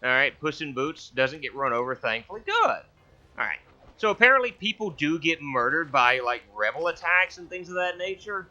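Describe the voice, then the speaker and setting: A man with a sharp, rather high voice hosts a casual gaming-channel let's-play, talking briskly and with animation. His commentary meanders, full of stammers and false starts. The sound, from a headset gaming mic, is dull and lo-fi.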